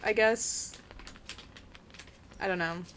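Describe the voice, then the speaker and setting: A woman's voice: mid-range voice, steady tone, slow pace, a bit bright, slight background noise. Chatty young woman telling stories. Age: young adult. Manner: chatty storyteller, many "like"s and fillers. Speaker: vlog co-host. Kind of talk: casual chat while crafting. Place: indoors at a craft table.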